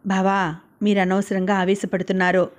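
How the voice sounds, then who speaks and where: A woman narrator voicing a bold, frank young college woman who speaks calmly and firmly, in a storybook. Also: medium pitch, moderate pace, lightly acted.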